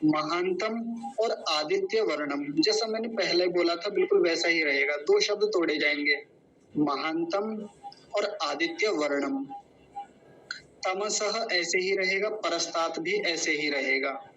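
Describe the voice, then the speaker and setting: Slow, high-voiced man teaching pronunciation. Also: fairly bright tone, a little hiss or hum. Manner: repeats each word slowly syllable by syllable, patient and instructive; corrects common mispronunciations, asks and answers his own questions. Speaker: Sanskrit mantra teacher. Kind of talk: pronunciation lesson, slow and deliberate. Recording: dull lo-fi recording.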